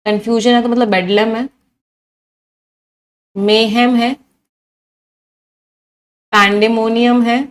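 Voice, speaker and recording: This woman's voice is fairly high, but she talks slowly, leaving long pauses. She's a lively instructor teaching English words in a live online class, combining Hindi and English as she lists many synonyms and asks her students questions.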